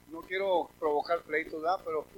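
A man's voice: on the high side, steady tone, a little slow, noisy background. A man preaching a sermon, reading scripture aloud and breaking off to address the congregation with emphatic questions.

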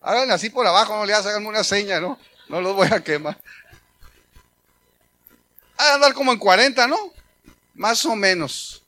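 Speaking at normal speed with long pauses, a middle-aged Mexican-accented preacher shares a testimony in his sermon, telling stories and quoting exchanges in a lively, conversational way. The voice is high, and a faint hiss or hum runs underneath.

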